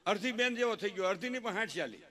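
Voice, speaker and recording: High-pitched man cracking folksy jokes on a live stage, mimics his relatives. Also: animated, fast talker, pushed and bright. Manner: mimics family members in exaggerated voices, folksy and teasing. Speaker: folk comedian at a dayro. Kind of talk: live stage comedy storytelling. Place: live stage event with audience.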